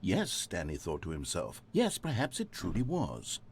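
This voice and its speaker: Deep, theatrical storybook game narrator. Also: male voice, wildly swooping pitch, moderate pace, slightly rough, full character voice. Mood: wryly amused. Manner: dramatic, articulate, grandiose. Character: wry, theatrical omniscient male game narrator.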